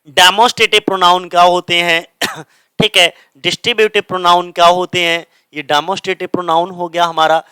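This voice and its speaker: A man's voice: sits high, sharp tone, clear, resonant tone, no room sound. A male teacher giving a grammar lesson, who keeps asking questions and answering them himself and repeats the key words. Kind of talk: grammar lesson explaining in Hindi.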